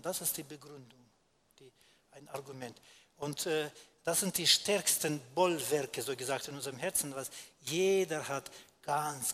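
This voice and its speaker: A man's voice: on the high side, a bit bright. A man teaching in a sermon, explaining step by step and answering his own rhetorical questions, with frequent hesitations.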